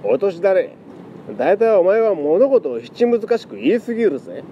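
A man voicing a blunt, rough male cat who mocks in coarse street talk. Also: sits high, very animated, moderate pace, highs cut off, a little hiss or hum, pitched above the performer's own voice. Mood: mocking.

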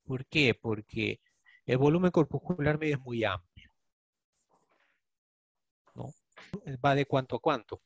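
Peruvian-accented male doctor, mid-pitched teaching voice, dry close recording, methodical and questioning. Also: unhurried, pauses often, husky, dry recording. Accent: Peruvian Spanish. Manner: explains step by step, often asks students questions with a rhetorical "¿no?". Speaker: attending physician teaching a case discussion. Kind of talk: clinical teaching, thinking aloud.

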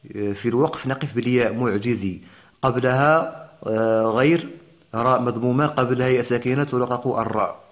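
A man teaching Quran recitation rules, explaining each point briskly with short filler pauses and occasional throat-clearing. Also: mid-range voice, highs cut off. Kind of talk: tajweed lesson explanation.

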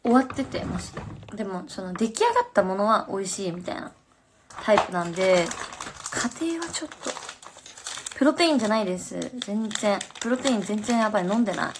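Talking at a quick pace with an animated, medium-pitched voice, a young woman from Fukuoka, speaking with that Japanese accent, livestreams casually on her phone. She uses slang and responds to viewer comments while background noise runs behind her.

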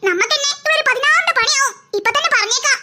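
A woman's voice: very high voice, lively intonation, rapid-fire, heavy background noise. A woman doing a snappy suspicious schoolgirl. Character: suspicious sharp-tongued schoolgirl. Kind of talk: cartoon voice acting.

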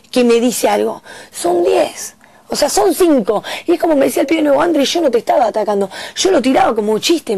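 Young Rioplatense woman, high-pitched and rapid-fire, defensive and tearful, dry close sound. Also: creaky, darkish tone, dry recording. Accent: Rioplatense Spanish. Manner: defensive, rapid and emphatic, slangy. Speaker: reality show contestant. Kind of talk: heated argument.

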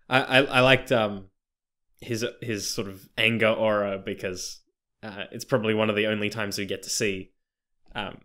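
Chill podcast guy, a bit low voiced, jokes around and chuckles while he talks. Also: fairly bright tone. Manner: laid-back, jokey, giggly. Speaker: podcast co-host. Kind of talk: casual podcast chat.

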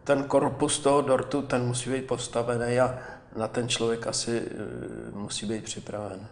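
Casting: older male interview guest, animated and chatty, hesitant in places, recorded in a roomy echo. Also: medium pitch, gravelly. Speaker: film director, guest. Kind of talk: interview conversation.

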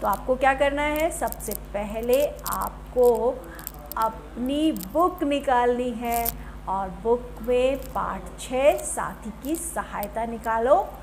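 Slow high-voiced woman teacher reading to kids. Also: lively intonation, slight background noise. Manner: asks the class questions, repeats and explains. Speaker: primary school teacher. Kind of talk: reading a textbook story aloud to children.

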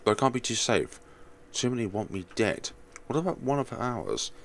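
A man's voice: medium pitch, very animated, normal speed, creaky, a little hiss or hum, pitched above the performer's own voice. A man voicing a fussy, vain, sardonic rich man from a visual novel in a theatrical, pompous grumble. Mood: worried.

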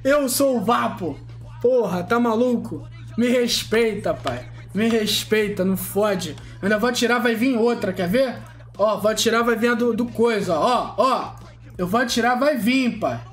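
Man, gaming streamer, boastful, taunting, slow drawl, faint music behind. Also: sits high. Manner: boastful and taunting, with long drawn-out chanted catchphrases; shouts and laughs loudly at lucky pulls. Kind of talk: excited gacha-pull commentary.

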